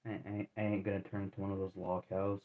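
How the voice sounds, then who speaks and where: Talking fast in a low, completely flat voice, a twentysomething man streams a game and chats casually with his viewers. He rambles in a relaxed way, using plenty of slang and restarting often, over tinny phone-like audio.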